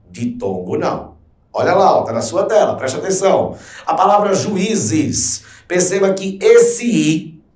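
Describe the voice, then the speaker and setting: A man's voice: a little high, a little mellow, recorded from a distance. A man teaching a grammar lesson for an exam in a chatty, slangy way, often checking in with the viewers. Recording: roomy echo, voice from off the mic.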